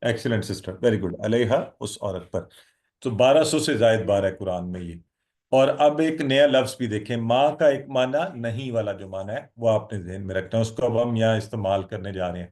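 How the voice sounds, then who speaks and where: A man's voice: on the low side, a little mellow. Patient male teacher on a video call. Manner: patient, encouraging, drills students. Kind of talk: online Arabic lesson.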